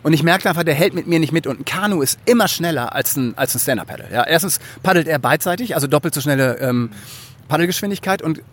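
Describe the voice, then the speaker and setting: A middle-aged man from Germany, a guest telling a story in a casual podcast chat. He is animated, laughs often and acts out what people said. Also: a little high, fast.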